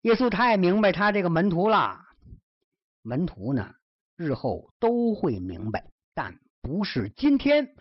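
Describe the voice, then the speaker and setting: Female storyteller; low, husky, highly animated pitch, chatty asides; dry, dull sound. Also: measured pace, no echo. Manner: lively, chatty asides to the listener with rhymed verse closings. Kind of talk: traditional storytelling narration.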